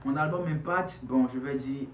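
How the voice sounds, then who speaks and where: A young Ivorian rapper answers interview questions casually in street slang, his medium-pitched voice moving at a moderate pace. He's recorded off-mic from a distance in an echoey room, so the audio is dull and clearly noisy.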